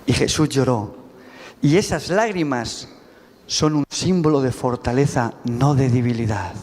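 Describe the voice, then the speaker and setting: A man's voice: mid-range voice, a little slow, a little mellow, a little hiss or hum. A man with a Spanish accent preaching a sermon, emphatic and putting rhetorical questions to the congregation. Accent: Spanish from Spain. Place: church sanctuary. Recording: reverberant church hall with faint music.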